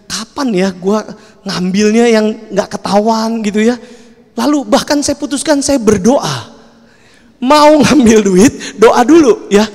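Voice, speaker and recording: A man in his thirties with an Indonesian accent, preaching at a youth service through an animated personal story, mixing in casual slang and English. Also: sits high, slow pace. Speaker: speaker. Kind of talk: sermon storytelling. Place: large church hall. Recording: long hall reverb.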